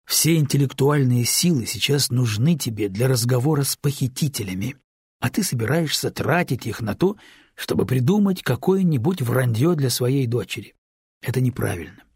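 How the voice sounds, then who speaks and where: A man's voice: mid-range voice, animated, moderate pace, darkish tone, slightly rough, no room sound, studio quality. A man reading a stern, commanding man. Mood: firm. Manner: firm, commanding, brusque. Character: stern, decisive man, middle-aged friend. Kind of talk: audiobook character reading.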